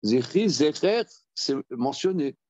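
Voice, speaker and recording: A man, a rabbi, teaching a Torah study class. He reads verses aloud, then explains them in a halting way with many repeated words. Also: fairly high pitch, animated, darkish tone, no room sound, muffled recording. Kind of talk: Talmud study lesson.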